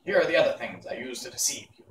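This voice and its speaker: A man's voice: mid-range voice, sing-song, quick pace, reverberant, distant mic, slight background noise, lightly acted. A man voicing a little old humbug wizard, chatty and apologetic, in a storybook reading. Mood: confiding.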